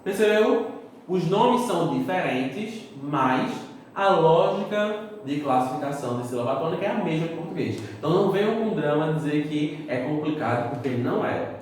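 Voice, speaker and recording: Male teacher from Brazil, lively up-and-down delivery, quite a high voice, step-by-step explaining, very roomy echo, mic set back. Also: moderate pace, a little hiss or hum. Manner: explains step by step, checks in with the students. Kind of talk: recorded classroom lesson. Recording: echoey room, mic at a distance.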